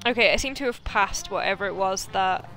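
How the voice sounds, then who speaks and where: A woman giving casual live gameplay commentary, chatty and excitable, thinking aloud as she plays. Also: medium pitch, a little fast. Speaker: game streamer. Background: loud game music.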